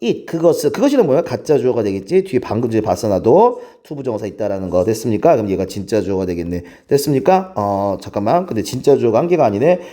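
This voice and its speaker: A man's voice: fairly low pitch, sing-song, fast talker, few pauses, warm tone. A man teaching English grammar in a lecture, keeps checking in with the class through rhetorical questions.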